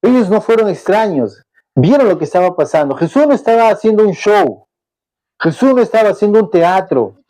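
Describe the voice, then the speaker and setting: A man's voice: high voice, expressive, brisk, warm tone, poor audio. A man preaching a sermon as pastor, impassioned, often restarting his words.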